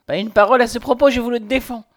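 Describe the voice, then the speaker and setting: A woman's voice: medium pitch, fairly even intonation, fairly quick, a little mellow, natural voice. A woman playing a proud, furious young woman. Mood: indignant. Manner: vehement, protesting. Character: proud, indignant young woman fighting her passion.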